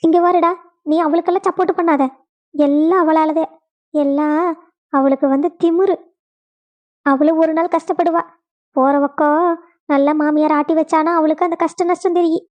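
A woman's voice: high-pitched, steady tone, normal speed, pauses often, darkish tone, natural voice. A woman voicing a grieving older mother-in-law with a Kongu Tamil accent, wailing and scolding in a family drama. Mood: bitter.

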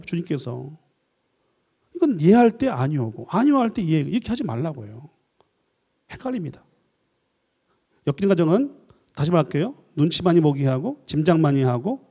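A lecturing man with a high, hugely lively voice, joking and throwing questions at his audience. His tone is mellow and a little husky. The long reverb of a church hall rings behind every phrase. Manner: animated, jokey, asks the audience questions. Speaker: professor giving a lecture.

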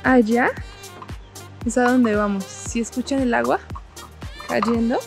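Young woman vlogging outside, kinda high voice, music playing under it. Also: fairly even intonation, takes it slowly, creaky. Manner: chatty, explaining to viewers. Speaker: Spanish teacher and travel vlogger. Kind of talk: travel vlog with language tips. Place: outdoors in a small town and countryside.

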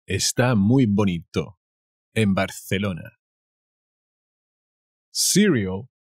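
Spanish man with a Castilian accent, language teacher, very slow deliberate delivery, dry close sound. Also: lowish voice, darkish tone, breathy edge, dry recording. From Spain. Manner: slow, deliberate word repetition with jokey asides. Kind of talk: playful vocabulary lesson.

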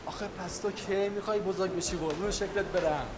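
A man's voice: high-pitched, steady tone, heavy background noise, lightly acted. An actor playing a pushy, ambitious young man who insistently and teasingly coaxes his friend, with a music score underneath. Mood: coaxing. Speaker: scheming friend. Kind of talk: period TV drama acting.

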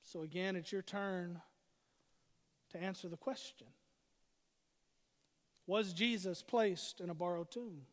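A man with a fairly high voice delivers a sermon as pastor. He stacks short, punchy phrases to drive his points home. His voice rings out with a long reverb, as in a large hall. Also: fairly even intonation, slow pace, long pauses. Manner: preaching with emphatic repetition and rising emphasis.

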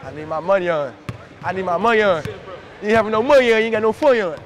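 High-voiced teen boy joking in a gym. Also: animated, quick pace. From Tennessee. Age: teens. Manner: joking, playful, sings rap lines to himself. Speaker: high school basketball player wearing a mic. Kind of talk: casual banter while warming up. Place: indoor basketball gym. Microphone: body-worn mic. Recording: crowded gym noise around the mic. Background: players chatting, balls bouncing.

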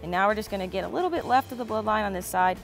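Talking very fast at a medium pitch, a young woman running a fishing and cooking channel excitedly describes every stage of filleting fish and making sushi, with soft background music.

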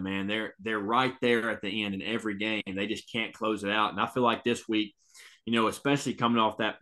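A man's voice: fairly low pitch, fairly bright tone. A man co-hosting a college football podcast, talking emphatically and repeating himself. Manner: emphatic, repeats words, says "man" often. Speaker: podcast co-host. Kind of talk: casual sports talk.

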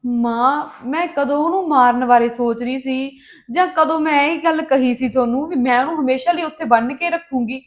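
A woman's voice: high-pitched, a little fast, close to an everyday voice. A woman playing a wronged young daughter in a family drama, talking insistently and indignantly to her mother. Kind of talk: Punjabi family drama dialogue.

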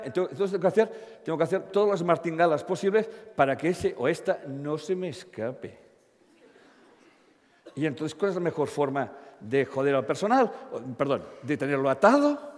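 A man's voice: fairly high pitch, a little mellow. A man giving a live talk, blunt and joking, often asking the audience questions. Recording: long hall reverb.

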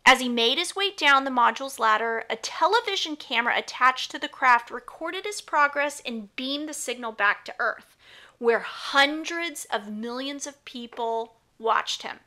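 Lady teaching kids on a podcast, high bright voice, informal, asks lots of questions. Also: lively intonation, moderate pace. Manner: prompting listeners with questions. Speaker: podcast host teaching children. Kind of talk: informal educational storytelling.

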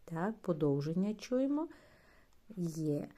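A woman primary school teacher giving a phonics lesson to young children, drawing out syllables slowly and calling the pupils her dear ones. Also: on the low side, sing-song, dark tone. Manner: slow, patient, drawn-out syllables and sounds.

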